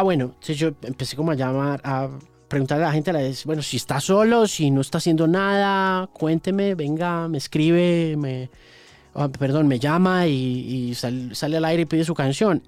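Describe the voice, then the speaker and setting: Animated radio man. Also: a little high, clean tone, dry recording. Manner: animated, full of restarts and repeated words. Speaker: radio host. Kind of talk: storytelling in an interview.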